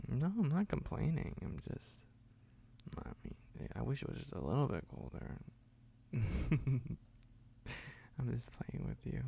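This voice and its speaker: A man playing a tender, teasing, sleepy boyfriend in a whispered role-play, murmuring drowsily in a husky, breathy voice with soft hums and sighs. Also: medium pitch, full character voice. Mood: playful, drowsy. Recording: faint background noise of rain.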